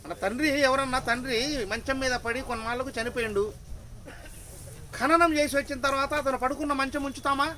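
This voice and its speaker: A hoarse man preaching a sermon, firing rhetorical questions at the crowd and rising to shouts. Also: very high voice, steady tone, a little fast, a little hiss or hum, low-quality recording. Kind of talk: sermon at a religious gathering.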